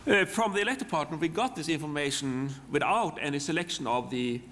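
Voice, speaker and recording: A man with a Norwegian accent, a native Norwegian speaker giving a technical software demonstration, haltingly, often repeating words and restarting. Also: fairly high pitch, a little hiss or hum. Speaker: software presenter. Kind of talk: live technical demonstration talk. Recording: long hall reverb.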